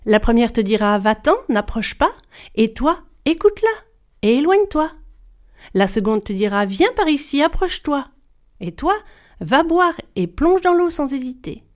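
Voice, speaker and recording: A wise old witch granny , voiced by a woman telling a folktale, her voice pitched a little high and pressing. She lays out her instructions slowly and insistently, like a riddle to be obeyed. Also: very animated. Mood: instructing. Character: old grandmother witch who gives advice.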